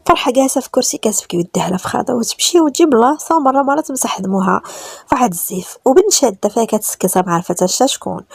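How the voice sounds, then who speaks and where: Moroccan woman storyteller, brisk and steady, dry close-miked read. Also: medium pitch, gravelly, breathy edge, no echo. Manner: brisk, steady narration with quoted chat lines read in turn. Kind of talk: reading a romance story aloud.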